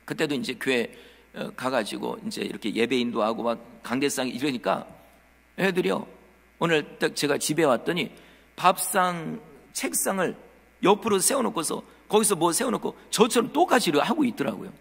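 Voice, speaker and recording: A man's voice: on the high side, a little fast, gravelly. A man, a pastor, preaching a sermon to his congregation in a church, telling the story with animation and addressing the listeners directly. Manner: animated storytelling, acting out quotes. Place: church sanctuary. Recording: long church hall reverb.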